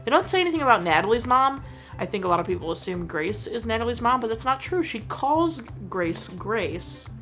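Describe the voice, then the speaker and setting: A woman's voice: fairly high pitch, sing-song, fairly quick, music in the background. A woman hosting her own show, giving a chatty, enthusiastic movie review full of "like.". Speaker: host.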